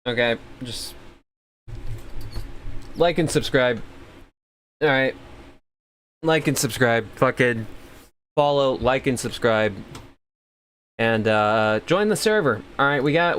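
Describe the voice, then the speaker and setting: A man's voice: mid-range voice, slow, pauses often, fairly bright tone, a little hiss or hum. A man hosting a livestream, talking in a crude, rambling, sarcastic way and sounding sleepy. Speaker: livestream host. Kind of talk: casual profane commentary.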